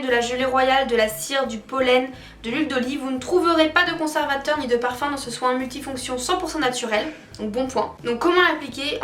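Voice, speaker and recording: High-voiced woman vlogger in a roomy space. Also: fairly bright tone. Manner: candid, opinionated, colloquial. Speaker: beauty vlogger reviewing a subscription box. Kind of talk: casual product review chat to viewers. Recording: roomy echo, distant mic, faint music behind.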